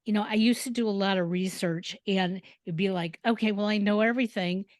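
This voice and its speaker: A woman's voice: medium pitch, steady tone, a little fast, no echo, studio quality. A woman from Detroit hosting a podcast, talking in a loose, conversational way with many fillers. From Detroit, Michigan. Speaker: podcast host. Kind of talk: casual interview chat.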